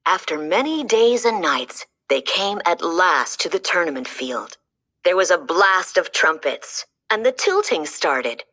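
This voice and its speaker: A woman reads a children's storybook aloud, slow and lively, her pitch swinging dramatically as she narrates.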